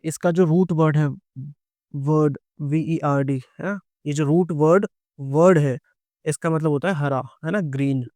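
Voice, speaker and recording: A middle-aged man with an Indian English accent, teaching English grammar to exam students. His voice is smooth and resonant, a little higher than most men's, and recorded close and dry. He explains patiently and asks the class questions that he answers himself. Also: fairly even intonation, unhurried, mellow, no echo. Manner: explains patiently, checks in with "है ना" and "ठीक है" and calls students "बेटा". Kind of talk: exam-prep grammar lecture.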